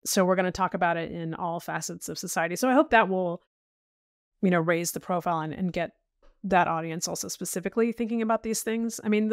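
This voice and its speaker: A woman's voice: lowish voice, no room sound, studio quality. A middle-aged woman talking casually as a podcast guest, chatty, with frequent restarts and "you know"s. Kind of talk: casual interview chat.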